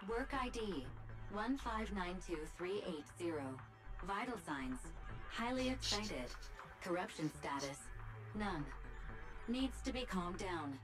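A gentle female rescue robot, speaks in calm, even, clipped reports at a middling pitch. Her soft, measured voice is heard over game music. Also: rough recording. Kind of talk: video game voice acting.

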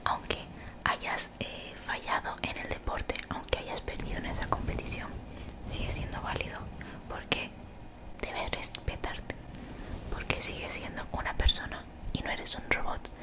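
A young woman gives soothing, motivational ASMR in a breathy whisper very close to the mic, gently repeating phrases. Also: unhurried, poor audio. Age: young adult. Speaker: ASMR creator. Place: small bedroom, indoors. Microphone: desktop condenser mic, very close.

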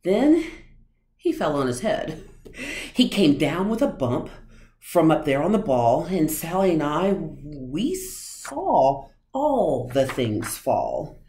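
A young adult woman storyteller giving an expressive storybook read-aloud. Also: sits low, takes it slowly, reverberant. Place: small room indoors.

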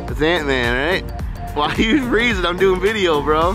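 A man's voice: high-pitched, lively intonation, measured pace. A man filming a casual vlog on a handheld camera, joking around with friends. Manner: joking, laughs often, says "bro". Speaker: vlogger. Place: outdoors and in a shop. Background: music.

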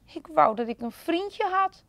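A woman voicing a lonely, eager young male panda in a picture-book reading, with high, bouncy exclamations. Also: expressive, unhurried, a bit bright, no echo, full character voice. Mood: wistful.

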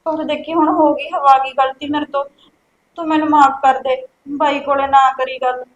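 A woman's voice: sits high, level tone, normal speed, muffled recording, lightly acted. An actress playing a frightened young woman who pleads with her sister-in-law, with a Punjabi accent. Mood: pleading. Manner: pleading, defensive. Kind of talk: village web-series drama.

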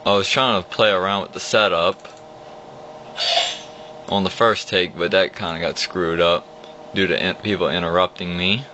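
A young man with a low voice and steady tone talks at a moderate pace with long pauses, rambling casually as he walks through an old computer and explains each click. He's a vlogger at his home desk, filming the screen on a phone camera, so the audio is dull, lo-fi and hums.

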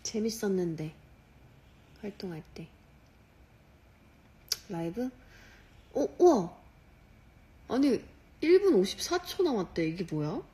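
Slow, soft-spoken young woman on a phone livestream. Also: medium pitch. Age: 20s. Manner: soft, quiet and relaxed, dropping to whispers. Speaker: livestream host. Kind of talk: casual livestream chat. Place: dim room indoors at night. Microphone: phone held close.

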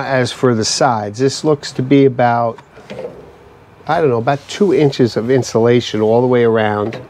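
A man in his forties giving a casual, relaxed unboxing review, thinking aloud with fillers as he goes, recorded on a screened outdoor patio by a camera mic a few feet away. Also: medium pitch, slight background noise. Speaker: product reviewer.

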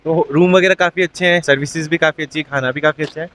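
Rapid-fire and a touch high, this twenty-something travel vlogger talks to the phone or camera he holds at arm's length. Out on mountain roads and around hotel grounds, he keeps things easygoing and chatty, dropping "yaar" often, over a little hiss or hum.

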